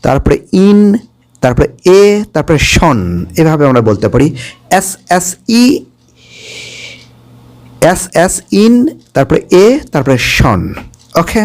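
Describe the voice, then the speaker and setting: A man's voice: medium pitch, animated, darkish tone. A man teaching an English spelling lesson, spelling each word out letter by letter and explaining its meaning. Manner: spells words letter by letter, slow and careful; explains Bengali meanings, checks with "okay?".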